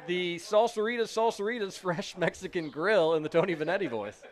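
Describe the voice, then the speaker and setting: A man hosting a sports radio show live from a racetrack, relaxed and dry, laughing easily. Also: high-pitched, brisk, faint music behind. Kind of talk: casual radio banter. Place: outdoor live broadcast at a racetrack.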